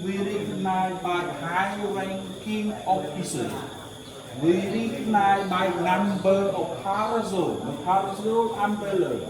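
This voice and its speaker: A man with a Cambodian accent guides visitors in slow, halting English, often repeating phrases. His fairly high voice reverberates heavily and comes from some way off the mic. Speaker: temple tour guide. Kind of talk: spoken guided tour commentary. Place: large stone temple site. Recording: echoey, distant mic, crowd chatter.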